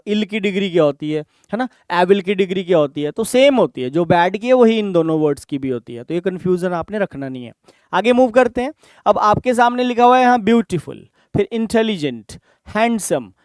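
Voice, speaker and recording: Male tutor with an Indian accent, high and smooth voice, dry close sound, patient step-by-step explainer. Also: darkish tone, no room sound. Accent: Indian English. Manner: explains patiently, asks rhetorical checks. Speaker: teacher. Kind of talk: exam-prep grammar lesson.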